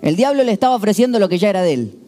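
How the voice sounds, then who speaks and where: A man preaches, retelling scripture in a lively storytelling way. Faint music plays under his voice. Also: high voice, very fast. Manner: animated, storytelling, shifts into quoted voices. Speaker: pastor. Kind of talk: sermon.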